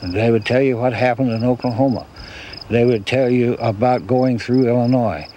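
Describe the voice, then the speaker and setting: A man's voice: medium pitch, steady tone, normal speed, slight background noise. An older American man telling oral-history recollections, leaning on repeated phrases for emphasis. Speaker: interviewee. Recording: loud outdoor ambience with insects.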